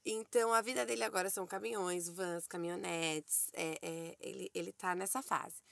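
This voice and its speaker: A woman co-hosting a podcast, telling a story in a casual, animated way and sometimes acting out a child's excited voice. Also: normal speed, gravelly, no echo. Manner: animated storytelling, acts out her toddler's high excited voice. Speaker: podcast co-host. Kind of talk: casual chat.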